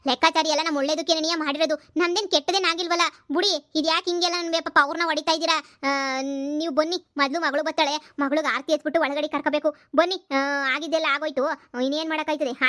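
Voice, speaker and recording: Actress as an insistent cartoon village wife, high and quick, dry close mic. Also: female voice, sharp tone, no echo. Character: village landlord's pushy middle-aged wife, insistent.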